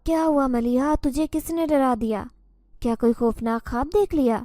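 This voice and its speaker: Storybook part: a bossy, caring mother, read by a woman narrator, brisk and scolding, high voice with a soft warm tone. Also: dry recording, studio quality, lightly acted. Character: bossy middle-aged mother, fussy and caring.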